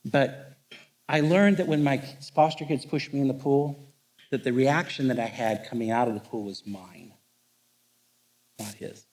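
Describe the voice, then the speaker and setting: A man's voice: mid-range voice, measured pace, long pauses. Joking middle-aged man lecturing on stage. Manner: joking, animated storytelling. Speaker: marriage counselor. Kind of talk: live seminar talk. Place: on stage before a live audience.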